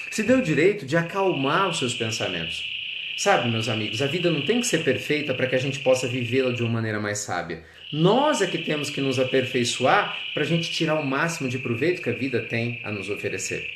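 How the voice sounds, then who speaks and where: A man giving an earnest, reflective spiritual talk, animated and addressing his listeners directly. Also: mid-range voice, noisy background. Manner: earnest, animated, with teaching asides. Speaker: spiritual speaker. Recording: echoey with loud crickets and frogs.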